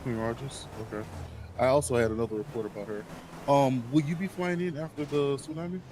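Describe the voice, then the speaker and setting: A man's voice: mid-range voice, steady tone, fairly quick, mellow. A young man from Baltimore role-playing a sheriff's deputy in a game, talking hesitantly with lots of ums and likes. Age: young adult. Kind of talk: in-character game role-play. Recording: noisy game audio with traffic sounds.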